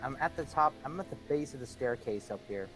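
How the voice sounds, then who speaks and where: A man's voice: mid-range voice, expressive, fairly quick, fairly bright tone, soft background music, rough recording. A man playing a tabletop game, flustered and cursing at his screen. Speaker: player. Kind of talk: casual tabletop play.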